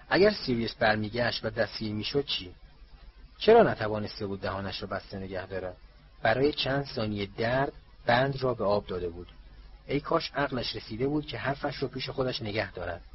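Man narrating a storybook, muffled sound. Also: on the low side. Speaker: audiobook narrator. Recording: muffled, faint hiss.

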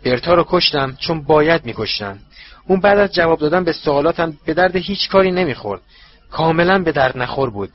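A man doing a cold, menacing dark master. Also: medium pitch, breathy edge, dull audio, natural voice. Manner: cold, slow and menacing, contemptuous. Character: cold, cruel male dark master, ruthless. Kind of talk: audiobook character voice.

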